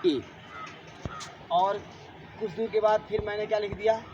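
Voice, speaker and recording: A man's voice: sits high, flat delivery, measured pace, lo-fi sound, noisy background. A man teaching a classroom grammar lesson, repeating points and asking his students questions. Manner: repetitive, asks students questions.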